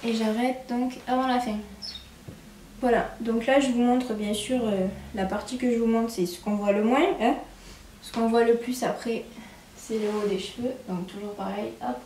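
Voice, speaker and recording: A young woman with a regional French accent and a slightly high voice talks viewers through a hair tutorial in a relaxed, chatty way. She sits some way back from the camera in an echoey room, with a faint hum of noise behind her. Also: moderate pace, recorded from a distance. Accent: regional French accent with a marked "hein". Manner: chatty, relaxed, lots of "hop" and "voilà" while working. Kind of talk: casual how-to demonstration. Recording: echoey room, speaker away from the mic, faint background noise.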